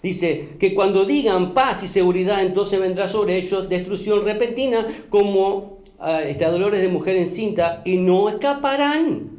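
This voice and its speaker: A man's voice: high-pitched, moderate pace, a little mellow. A man preaching a sermon as pastor, emphatic, repeating phrases and asking the congregation questions. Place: church hall. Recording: echoey church room.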